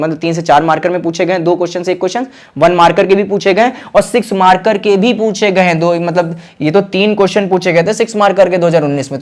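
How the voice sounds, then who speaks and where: A young man teaching an online exam-prep lesson, coaching and reassuring his students and stretching key phrases out slowly for emphasis. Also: high voice. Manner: coaching and reassuring, calls listeners "children"; mixes English terms into Hindi, stretches key phrases slowly. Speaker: commerce teacher.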